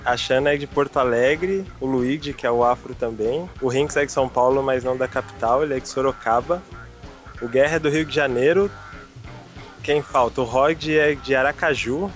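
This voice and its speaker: Laid-back Brazilian podcast host. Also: male voice, mid-range voice, normal speed, faint music behind. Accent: Brazilian Portuguese. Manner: relaxed, reads listener questions, self-mocking. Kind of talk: casual podcast chat.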